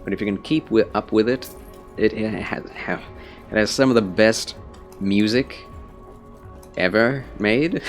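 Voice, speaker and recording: Low, scratchy-voiced man chatting on stream. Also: measured pace, long pauses, faint music behind. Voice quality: scratchy, phlegmy voice. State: tired, under the weather. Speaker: game streamer chatting with viewers. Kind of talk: casual livestream chat with game commentary.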